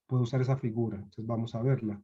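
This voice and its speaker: Husky Colombian lecturer on a call. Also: male voice, medium pitch, fairly even intonation, very fast, dark tone, lo-fi sound. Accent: Colombian Spanish. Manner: explains patiently, repeats key points, asks students questions. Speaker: university lecturer. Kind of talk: online class lecture.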